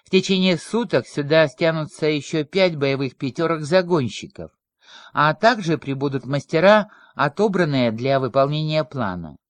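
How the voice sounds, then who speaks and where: A man's voice: fairly high pitch, animated, moderate pace, no room sound, lightly acted. Casting: female reader voicing an arrogant male hunter, scornful and commanding, with a dry close sound. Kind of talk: audiobook reading.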